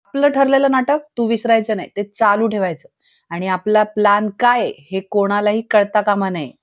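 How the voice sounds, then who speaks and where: Brief: scheming middle-aged father, calm and commanding, put on by a woman narrator. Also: high-pitched, moderate pace, muffled recording, natural voice.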